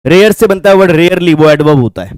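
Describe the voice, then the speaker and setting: High-voiced man teaching English. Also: lively intonation, fast, darkish tone, no echo, clean studio sound. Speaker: English teacher for exam prep. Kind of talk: classroom lecture.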